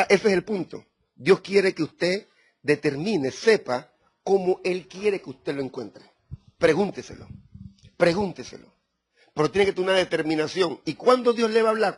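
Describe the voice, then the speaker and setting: A man's voice: high-pitched, a bit bright. A middle-aged man preaching a sermon, speaking directly to his congregation with rising emphasis. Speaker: pastor.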